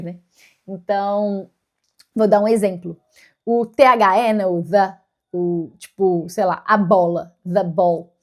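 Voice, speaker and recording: A woman's voice: mid-range voice, a little mellow. A Brazilian woman talking casually to camera about learning English, thinking aloud as she explains step by step. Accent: Brazilian Portuguese.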